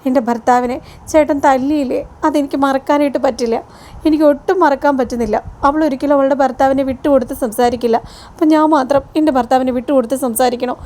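A bitter young wife from a TV serial defends herself and complains indignantly, as a woman puts her on. The voice is mellow and a touch high. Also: lightly acted.

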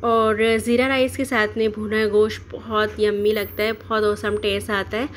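A woman's voice: medium pitch, normal speed, a little hiss or hum. Woman narrating a home cooking recipe. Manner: steady instructional, explains each step and options. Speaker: cooking channel host. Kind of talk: step-by-step cooking voice-over.

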